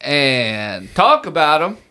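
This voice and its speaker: A man hosting a casual podcast, his voice pitched high and swinging widely as he jokes around. He chats loosely with his co-host and laughs often. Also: takes it slowly, clean tone. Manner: joking, lively, laughing often.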